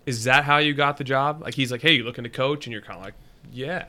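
A young male podcast host keeps up a quick, chatty interview and trades stories with his guest. His voice is bright and forward, and he talks fast and loose. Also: mid-range voice. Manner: chatty, relaxed, quick to jump in. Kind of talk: casual interview chat.

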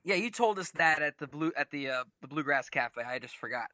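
A man hosting a casual interview, asking quick questions with enthusiastic reactions. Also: fairly high pitch, animated, pushed and bright, no echo. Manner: upbeat, enthusiastic rapid-fire questions. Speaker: podcast host.

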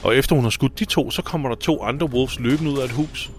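A man co-hosting a casual podcast, retelling a TV episode in a lively way with frequent restarts and filler words. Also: medium pitch. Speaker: podcast host recapping a TV episode. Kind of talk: casual chat.

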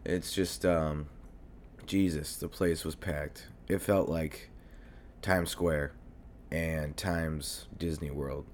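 Here a young podcast host, sick and coughing, talks slowly with fairly even intonation, his very deep voice roughened by a cold and sounding dark and congested. He rambles on his own, swearing often and leaning on ums. The home desk mic near his computer carries slight background noise.

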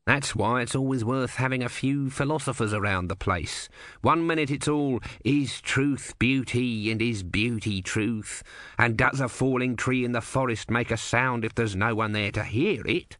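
A man's voice: medium pitch, moderate pace, fairly bright tone, no room sound, lightly acted. A man voicing a dry, sardonic male tortoise god who speaks in a knowing way.

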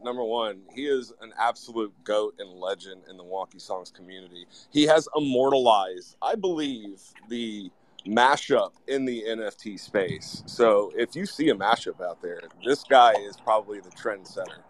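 A man in a casual live audio chat at a festival, excited and slangy, laughing often. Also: lowish voice, moderate pace, a little hiss or hum, low-quality recording.

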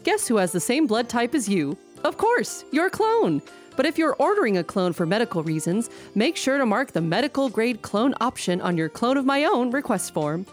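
An actress voicing a perky phone hold announcer with an upbeat sales pitch. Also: female voice, big pitch swings, a little fast, hardly any pauses, soft background music.

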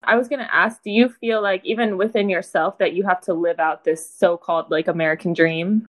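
A woman's voice: lowish voice, steady tone, brisk. A woman hosting a casual podcast interview, friendly and curious, asking long questions. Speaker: podcast host.

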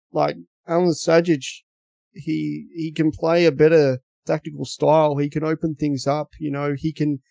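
Australian man, podcast pundit; gravelly, slightly high, blunt and rambling, dry recording. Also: warm tone, no echo. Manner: rambling, blunt, repeats words. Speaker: podcast contributor. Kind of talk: casual football analysis chat.

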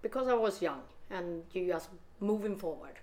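A woman's voice: fairly low pitch, animated, moderate pace, warm tone. A Swedish woman in her fifties with a Swedish accent, speaking English as a guest investor, hesitant with many fillers. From northern Sweden. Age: 50s. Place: studio.

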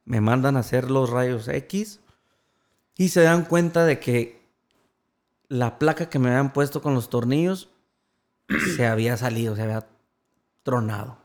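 Male guest, gravelly tone, earnest emotional storyteller. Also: medium pitch, unhurried, pauses often. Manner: earnest, emotional retelling with quoted voices. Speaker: interview guest. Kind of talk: personal storytelling in an interview.

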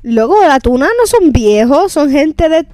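High-voiced Puerto Rican woman chatting in Spanglish. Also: lively intonation, a little slow, darkish tone, no echo, clean studio sound. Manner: Spanglish, dropping English words into Spanish. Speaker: podcast co-host. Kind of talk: casual chat.

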